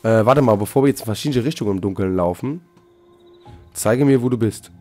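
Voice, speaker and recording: A man hosting a Let's Play, chatting casually with a co-op partner, excitable and joking, often exclaiming. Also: on the low side, a little fast, soft background music. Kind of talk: casual co-op gaming chat.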